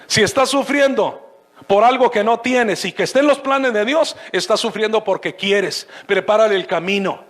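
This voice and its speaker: Male pastor, very high voice, fervent sermon delivery with shouted peaks. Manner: preaching with bursts of shouting.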